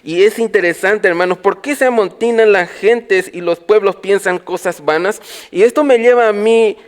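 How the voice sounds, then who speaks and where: Pastor guy preaching, fairly high voice, lots of questions to the church, swings loud to soft. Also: normal speed. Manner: preaching with rhetorical questions to the congregation; swings from loud calls to quiet low phrases. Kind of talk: sermon.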